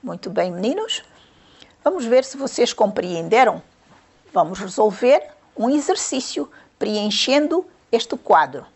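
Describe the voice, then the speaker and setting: A woman's voice: mid-range voice, sing-song, measured pace, husky. A woman teacher giving a grammar lesson to young pupils, patiently repeating questions and counting syllables aloud.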